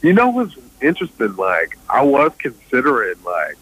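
A man, a stand-up comedian guest, joking with deadpan delivery and lots of fillers. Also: medium pitch, normal speed, husky, poor audio. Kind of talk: joking interview banter.

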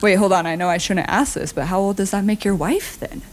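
A woman hosting a radio interview, upbeat and quick to laugh. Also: medium pitch, fairly even intonation, crowd noise. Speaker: radio host. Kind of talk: interview banter.

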